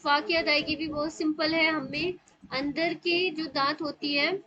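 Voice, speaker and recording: A woman's voice: sits high, level tone, unhurried, bright, forceful tone, lo-fi sound. A woman teaching an online Quran recitation class, explaining step by step and often checking in with her students.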